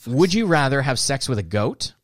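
Lively rowdy male podcast host. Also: mid-range voice, normal speed, dry recording, clean studio sound. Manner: yelps and laughs, loose and rowdy. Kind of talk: crude comedy banter.

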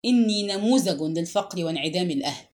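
Aging earnest man in love, read by a woman, low and sorry-sounding. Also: expressive, fairly quick, lightly acted. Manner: earnest, apologetic. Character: aging lovestruck male clerk, earnest and gloomy.

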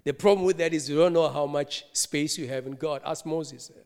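A man preaching a sermon, telling a story with lively asides and frequent laughter. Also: on the high side, normal speed, clear, resonant tone. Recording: long hall reverb.

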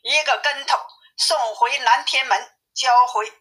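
A woman reading a classic tale aloud as a storyteller, in a lively, clear way. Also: high-pitched, a little slow. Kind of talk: children's story narration. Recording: tinny phone-like sound.

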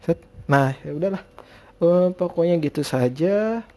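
This Indonesian podcaster talks alone in a casual, meandering way, hesitating as he searches for words. His slightly high voice is warm, expressive and unhurried, with lisped r sounds.

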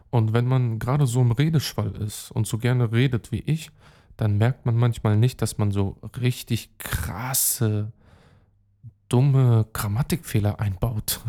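Young guy rambling on his podcast, warm low-key tone, lots of ähs and slang. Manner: chatty, rambling, many fillers and restarts; street slang, addresses listeners as friends. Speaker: podcast host. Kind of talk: casual solo podcast monologue.

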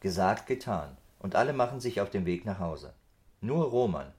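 A man's voice: fairly low pitch, sing-song, moderate pace, darkish tone, a little hiss or hum. A man narrating a scripted children's story as an engaged storyteller who speaks to his listeners.

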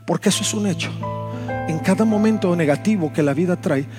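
Pastor, male, high voice, earnest sermon delivery, music playing underneath. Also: brisk. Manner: earnest, repeats phrases for emphasis. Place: church.

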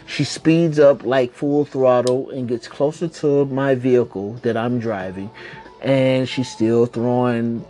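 A man's voice: mid-range voice, fairly even intonation, takes it slowly, dark tone, soft background music. A man hosting a casual podcast from home, rambling along in slang and swearing freely. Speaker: podcast host. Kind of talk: casual chat.

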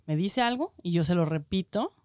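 A woman's voice: lowish voice, animated, normal speed, darkish tone, no room sound, clean studio sound. A woman, a comedian guest chatting casually on a podcast with fillers and frequent laughs.

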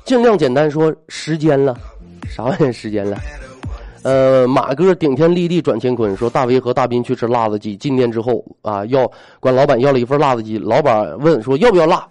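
A male radio host on a live call-in show, reading listener messages and telling jokes with quick, wry asides. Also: medium pitch, animated, a little mellow, dry recording. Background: faint electronic music.

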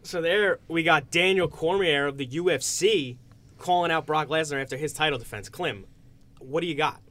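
A man's voice: on the high side, normal speed, fairly bright tone. A man hosting a podcast, chatting casually about sports. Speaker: podcast host.

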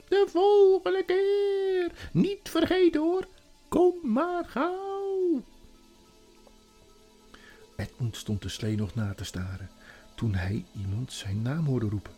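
A man reading a children's story aloud in an expressive manner. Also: mid-range voice, breathy edge.

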